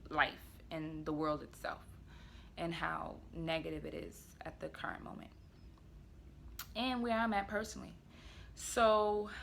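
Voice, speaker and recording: A woman vlogger telling a personal story to the camera in an earnest, confessional way, often going quiet, with blunt words now and then. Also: lowish voice, gravelly, slight background noise. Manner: blunt, with occasional swearing.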